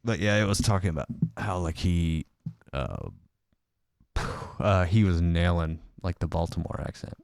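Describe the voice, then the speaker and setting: A man's voice: deep voice, measured pace, gravelly, a little mellow, dry recording, clean studio sound. A young man co-hosting a podcast in casual chat, hesitant with lots of fillers and restarts. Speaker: podcast co-host.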